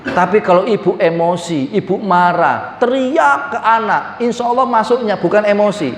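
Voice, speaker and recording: A man preaching a sermon with an East Javanese accent, lively and joking, often acting out little voices and speaking straight to the audience. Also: sits high, normal speed, a little hiss or hum. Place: hall. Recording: echoey hall from far off.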